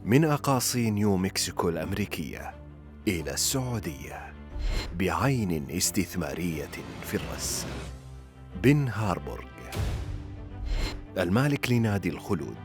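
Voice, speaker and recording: A man's voice: deep voice, sing-song, racing, long pauses, music in the background. A man delivering dramatic scripted narration for a broadcast introduction in speech. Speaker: promo narrator.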